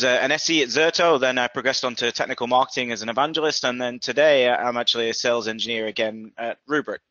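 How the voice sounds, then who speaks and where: With a bright, forceful, medium-pitched voice, a thirty-something man with a Yorkshire accent, from Yorkshire in England, chats casually while presenting as a web call guest, often poking fun at himself. The audio is dull, with no echo.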